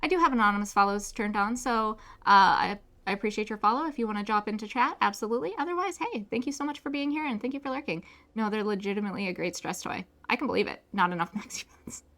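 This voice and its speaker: A woman hosts a casual game livestream in a mid-pitched voice. She talks in a chatty, welcoming way to her viewers while she plays. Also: animated, quick pace, hardly any pauses, fairly bright tone. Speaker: game streamer, host. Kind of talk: casual livestream chat and reading game dialogue aloud.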